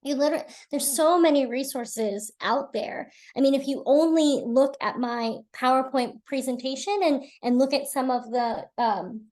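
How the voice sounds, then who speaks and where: Woman, webinar presenter, fairly high voice, earnest, encouraging, repeats for emphasis, video call mic. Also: normal speed, few pauses, darkish tone.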